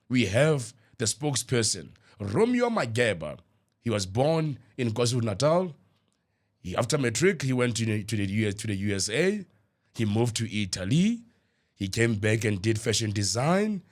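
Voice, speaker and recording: A man hosting a podcast interview, asking questions and murmuring steady agreement while his guest speaks. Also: mid-range voice. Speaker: podcast host. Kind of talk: conversational interview.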